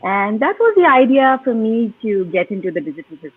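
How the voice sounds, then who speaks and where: A woman's voice: on the high side, big pitch swings, fast, a little hiss or hum. Woman on a tinny call line. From Pakistan. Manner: earnest, hesitant with fillers. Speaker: guest. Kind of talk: live online interview.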